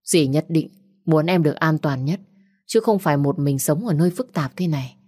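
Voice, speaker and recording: A woman doing a gentle comforting young man. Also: deep voice, normal speed, dry recording, studio quality. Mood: coaxing. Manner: coaxing, protective.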